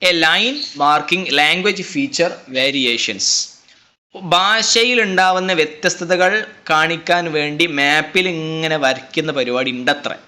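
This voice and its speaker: Brisk bright-voiced male tutor. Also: medium pitch. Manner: chatty, mixes English terms into explanations. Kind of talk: lecture explaining slides.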